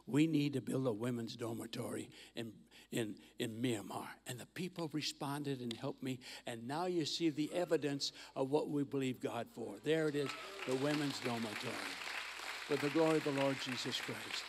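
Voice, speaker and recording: Older man preaching with gravelly voice. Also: mid-range voice, moderate pace, background noise. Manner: animated, acts out voices in his stories. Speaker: guest missionary speaker. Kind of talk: storytelling sermon. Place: large church auditorium stage. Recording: long hall reverb.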